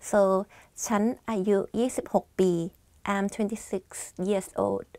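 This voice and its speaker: A woman's voice: medium pitch, sing-song, rapid-fire, mellow, dry recording. A woman in her twenties with a Thai accent, hosting a scripted language lesson on a lapel mic, chatty with friendly asides. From Thailand. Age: 20s. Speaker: language teacher host. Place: small studio, plain backdrop.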